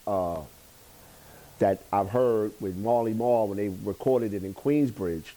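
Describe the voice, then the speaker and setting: A man's voice: lowish voice, unhurried, warm tone, poor audio. A man telling a story casually in a documentary.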